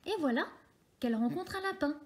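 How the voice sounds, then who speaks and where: A woman reading a children's story aloud in a lively, expressive way. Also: sits high, brisk, background noise.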